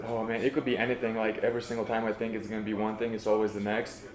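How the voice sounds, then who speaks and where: A man's voice: on the low side, little pitch movement, rapid-fire, a crowd in the background. A young man from Lithuania, giving modest, hesitant, easygoing answers as a fighter in an interview. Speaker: MMA fighter being interviewed. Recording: echoey room.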